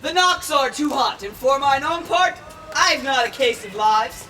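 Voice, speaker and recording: A man's voice: very high voice, expressive, unhurried, sharp tone, exaggerated voice. A man playing a reluctant, frightened comic soldier, complaining in projected Shakespearean olde speech. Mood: alarmed, reluctant. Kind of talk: olde-speech Shakespearean stage comedy at a Renaissance fair. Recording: distant stage recording with faint noise.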